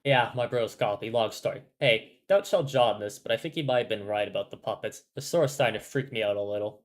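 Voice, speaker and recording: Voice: mid-range voice, brisk, natural voice. Someone reading as a rambling laid-back teen boy. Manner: casual, rambling, swearing.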